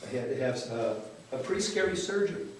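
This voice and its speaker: A man's voice: on the high side, very animated, fast, slight background noise. An older man, a dentist, telling a candid personal story at a story-slam, earnest and wry, sometimes swearing for emphasis. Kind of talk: story-slam talk to a live audience. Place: large hall with a live audience. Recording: echoey hall, voice from far off.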